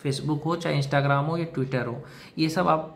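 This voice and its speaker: A man's voice: on the high side, fairly even intonation, takes it slowly, gravelly, a little hiss or hum. A man giving a direct-to-camera advice monologue, lecturing in a repetitive way and talking to the listener like a brother. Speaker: self-help video host.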